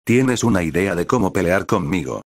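A man's voice: deep voice, expressive, moderate pace, no room sound, studio quality. A man voicing a friendly, teasing older male student in a story reading.

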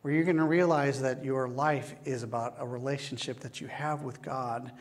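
A man preaching a sermon as pastor, slow and measured with long pauses, recorded in a church. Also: mid-range voice, steady tone. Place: church sanctuary. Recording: long church hall reverb.

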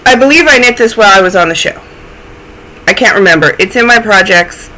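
A woman's voice: mid-range voice, lively intonation, fairly quick, sharp tone, low-quality recording. A young woman hosting a knitting podcast from home, chatting casually to a webcam with a stuffy, snuffly voice and self-deprecating asides. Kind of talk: casual chat to camera. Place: small room at home, indoors.

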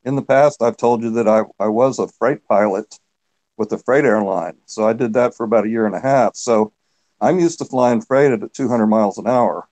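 A man's voice: mid-range voice, normal speed, darkish tone, poor audio. A man who once worked as a geologist, giving plain explanations as a guest on a video call.

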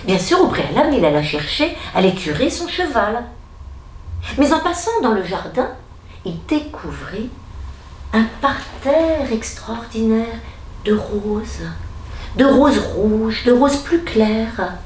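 A woman storyteller telling a fairy tale to children at a library event, slow and dramatic, speaking to the children directly. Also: fairly high pitch, big pitch swings, slight background noise. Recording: echoey room with faint ambience.

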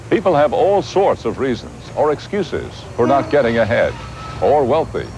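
A man's voice: medium pitch, sing-song, moderate pace, noisy background. A middle-aged American man presenting a scripted infomercial, posing rhetorical questions. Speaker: infomercial host.

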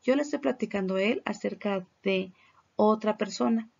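A woman's voice: medium pitch, moderate pace, creaky, darkish tone, husky, highs cut off. A woman from Mexico with a Mexican accent, teaching English in a recorded lesson, explaining patiently in Spanish and modeling English words for her students to repeat. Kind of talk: recorded classroom lesson on slides.

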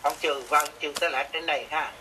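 A man, a music teacher, walking a student through notation software step by step, repeating each instruction patiently. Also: fairly high pitch, fairly even intonation, a little fast, a little hiss or hum, low-quality recording. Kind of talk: remote software lesson.

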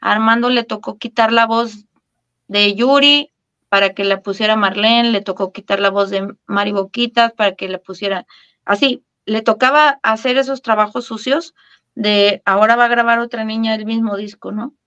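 Middle-aged Mexican woman, interview guest, smooth voice, candid and lively, muffled recording. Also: fairly high pitch, normal speed. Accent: Mexican Spanish. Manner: animated, many restarts and fillers, laughs at her own story.

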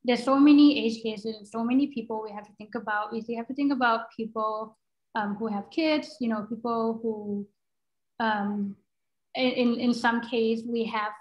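Answering questions as a guest on a video call, a young woman from Thailand who works in product design speaks through her laptop mic. Her voice is slightly high and steady at a moderate pace, and she thinks aloud with fillers and restarts in a muffled recording.

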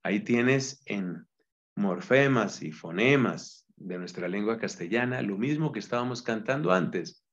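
A man with a Colombian Spanish accent, a Dominican friar, teaching biblical Greek patiently and chanting verse lines slowly. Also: on the low side, expressive, a bit bright. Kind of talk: gentle Bible lesson with sung Greek verse. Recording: slightly dull, lo-fi recording.

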